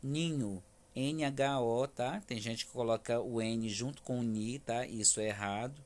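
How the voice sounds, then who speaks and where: Brazilian guy teaching kids remotely, patient, stretches words out syllable by syllable, middle pitch. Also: unhurried, a little mellow. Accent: Brazilian Portuguese, Federal District. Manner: patient, stresses words syllable by syllable, frequent "tá?" checks. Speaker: primary school teacher. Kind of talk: remote class explanation.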